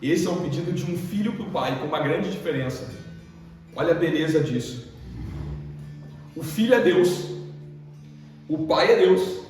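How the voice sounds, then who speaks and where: A young Brazilian man preaches, lively and questioning, his voice sitting a little high. He is heard from far off in a big reverberant hall. A guitar plays underneath. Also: a little slow, pauses often. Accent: Brazilian Portuguese. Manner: animated, asks the congregation questions. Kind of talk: sermon. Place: church hall.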